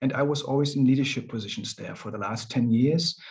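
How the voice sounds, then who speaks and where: A man's voice: medium pitch, brisk. A middle-aged man, a coach, presenting in a friendly, loose way on a webinar. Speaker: coach and former manager. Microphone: video call.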